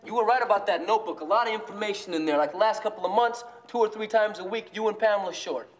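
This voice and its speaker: A stern detective in his thirties from a TV crime drama. His voice sits a little high for a man, and he questions like an interrogator. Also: fast. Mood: stern, sarcastic. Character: stern male police sergeant grilling a suspect. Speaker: police detective.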